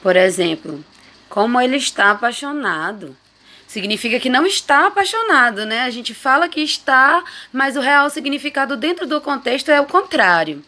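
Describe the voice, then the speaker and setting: A woman's voice: sits high, sing-song, moderate pace, hardly any pauses, sharp tone. Woman teacher explaining a lesson. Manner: explanatory, reads out examples, often asks "né?". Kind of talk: explaining figures of speech in a lesson.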